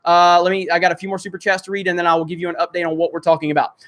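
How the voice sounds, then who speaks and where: Very fast and level in tone, a man with a high-pitched, fairly bright voice hosts a casual livestream. He reads super chats and viewer comments aloud and replies, rambling with plenty of fillers.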